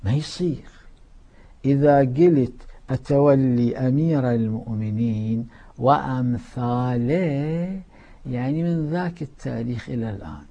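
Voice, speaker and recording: Gravelly preacher man, hushed to loud. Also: mid-range voice, moderate pace, highs cut off. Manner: swings between loud declaiming and hushed asides. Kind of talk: sermon.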